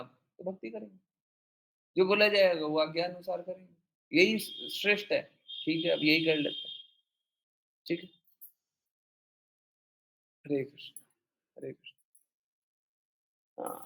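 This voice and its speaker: A man's voice: sits high, fairly bright tone, poor audio. Earnest man giving a devotional talk. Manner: earnest, repeats key phrases, asks listeners for replies. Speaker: spiritual teacher. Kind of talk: devotional Q&A talk to online listeners.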